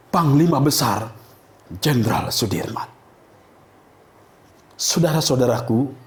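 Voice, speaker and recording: A man giving a patriotic speech in a dramatic declaiming style, swelling to high peaks and dropping low. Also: a little mellow, echoey room. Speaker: orator.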